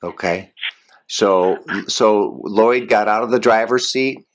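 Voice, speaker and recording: A man's voice: on the low side, slow pace. A man interviewing a witness, asking hesitant, stumbling questions. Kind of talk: phone interview.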